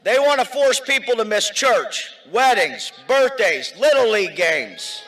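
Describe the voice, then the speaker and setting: A man speaking as a union member at a political rally, shouting emphatic, slogan-like lines. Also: sits high, big pitch swings, measured pace, a little hiss or hum, rough recording.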